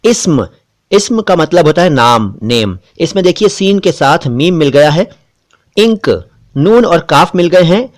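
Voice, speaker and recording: A man, hosting a spelling lesson and explaining words slowly and carefully, letter by letter. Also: a little high, sing-song. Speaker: Urdu language teacher.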